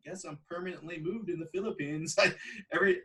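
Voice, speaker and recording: A man's voice: fairly high pitch, steady tone, quick pace, sharp tone, recorded from a distance. An American man interviewing someone in casual, conversational style. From United States.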